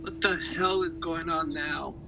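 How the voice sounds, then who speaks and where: An irritable passenger, played by an actor, grumbles slowly and keeps asking the crew for things. Loud background noise covers the voice. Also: medium pitch, fairly even intonation, gravelly, highs cut off. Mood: grumbling. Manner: impatient complaining. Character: grumpy, demanding airline passenger.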